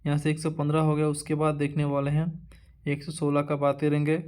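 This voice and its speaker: Man drilling a word list, flat and higher. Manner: repetitive drilling, halting restarts. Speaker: teacher. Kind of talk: exam-prep lesson reading a word list.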